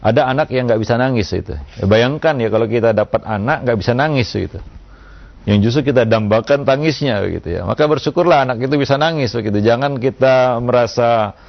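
A male preacher answering a listener's question with calm religious advice, unhurried and full of little "ya" tags, on a dull lo-fi recording. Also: mid-range voice, vocal fry. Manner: unhurried, with frequent "ya" and "kan begitu" tags.

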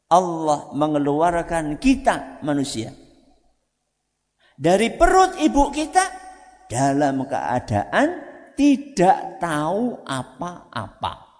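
A man with a Javanese accent, an ustaz giving an animated religious talk to parents, often asking the audience rhetorical questions. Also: a little high, slow pace. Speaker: ustaz, Islamic preacher. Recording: reverberant hall.

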